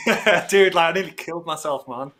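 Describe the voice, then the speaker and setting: A man with a fairly high voice chats casually as a livestream guest. His talk is informal and matey, full of everyday slang. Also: normal speed, sharp tone. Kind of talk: casual chat. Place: remote video or voice call.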